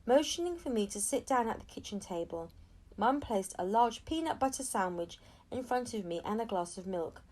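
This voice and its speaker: A woman narrates a children's story as an audiobook reader, giving voices to the dialogue between stretches of narration. Her pitch sits fairly high, her intonation is lively, and her slightly mellow voice moves at a moderate pace.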